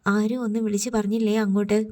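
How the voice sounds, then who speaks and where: An emotional, sharp-tongued young woman, as the woman reading the audiobook voices her, reproachful and teasing in an audiobook romance. Her tone is mellow and warm. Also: mid-range voice, flat delivery, quick pace, lightly acted. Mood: upset.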